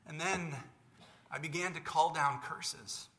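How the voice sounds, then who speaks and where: A man preaching in the voice of a remorseful male apostle, retelling his denial haltingly and emotionally. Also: a little high, bright, forceful tone. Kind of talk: dramatized scripture in sermon.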